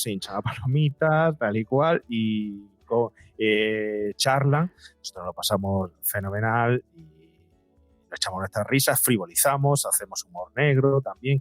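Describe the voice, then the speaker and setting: A middle-aged man with an accent from Spain answers conversationally as a podcast guest. He sounds reflective and repeats phrases for emphasis. His voice is mid-range, and the recording is dry.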